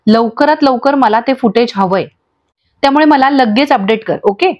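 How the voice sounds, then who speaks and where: A woman's voice: fairly high pitch, normal speed, darkish tone, highs cut off, lightly acted. A woman voicing a bossy, scheming businesswoman who gives impatient orders in a storybook recap. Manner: commanding, impatient.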